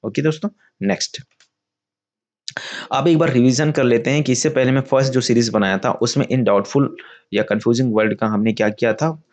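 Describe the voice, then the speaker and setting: A man's voice: mid-range voice, fairly quick. A man teaching English vocabulary in Hindi. He often asks a question and answers it himself, repeats key words, and calls his viewers friends.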